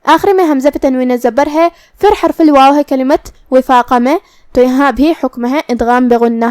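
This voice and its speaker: A woman teaching Quran recitation, explaining each letter patiently and reciting verses slowly and precisely. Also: high voice, a little mellow, no room sound, clean studio sound. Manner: precise, patient, drawn-out articulation of each sound. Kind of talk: slow, careful tajweed lesson with recitation.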